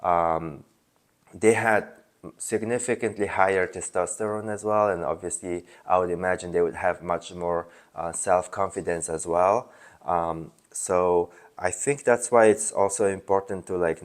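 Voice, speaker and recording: A young man with a mixed Polish and Mongolian accent, talking casually and hesitantly to camera as a self-help video host, with many fillers and restarts. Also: low voice. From Poland. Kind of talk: casual unscripted monologue.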